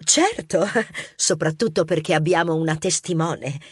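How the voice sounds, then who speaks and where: A woman's voice: low voice, measured pace, slightly rough, no echo, clean studio sound. A woman playing a friendly police inspector mouse. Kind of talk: audiobook character acting.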